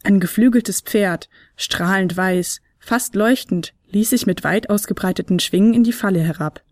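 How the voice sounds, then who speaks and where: A woman reads a children's storybook aloud in a clear, steady narrating voice. Her pitch sits in an ordinary middle range. The recording is dry and close, with no room sound. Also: moderate pace, dry recording.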